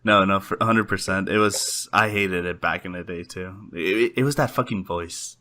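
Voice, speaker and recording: A young man with a lowish, bright voice talks casually on a podcast, wandering through his points. He fills his speech with "like" and "um" and restarts his sentences often. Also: moderate pace. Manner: rambling, heavy use of "like" and "um". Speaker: podcast host.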